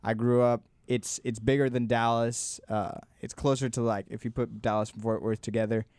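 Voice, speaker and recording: A young man from Colombia, a guest musician, telling stories in a relaxed way with lots of "like" fillers in a casual interview. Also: medium pitch, normal speed, no echo. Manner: relaxed storytelling with many "like" fillers.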